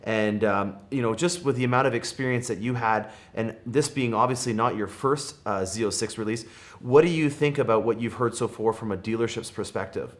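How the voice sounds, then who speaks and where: A man's voice: mid-range voice, fairly quick. A young man with a Canadian accent hosting a car channel, chatting upbeat with fillers and restarts. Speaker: host, car dealership vlogger. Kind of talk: casual car talk.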